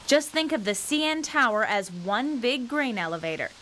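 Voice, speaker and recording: A woman's voice: a little high, very animated, moderate pace, a bit bright, a little hiss or hum. A woman with a Canadian accent narrating a scripted TV news feature as a reporter.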